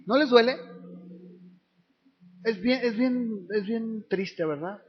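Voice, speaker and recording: High-voiced pastor preaching in a hall. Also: male voice, takes it slowly. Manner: preaches with frequent rhetorical tag questions, acting out voices of others. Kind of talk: sermon. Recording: reverberant hall, dull lo-fi sound.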